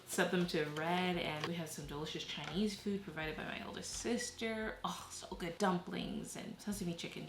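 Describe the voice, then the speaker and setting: A woman's voice: fairly low pitch, vocal fry, slight background noise. A woman who grew up in Haiti, chatting casually while she does a craft project, laughing often and trailing off mid-thought. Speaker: vlogger. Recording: echoey room.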